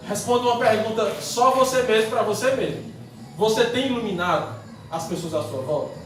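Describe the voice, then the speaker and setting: A pastor preaching a sermon in an emphatic, repetitive rhetorical style, in a church sanctuary. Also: male voice, high-pitched, fairly bright tone. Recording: very echoey church hall from far off, faint noise.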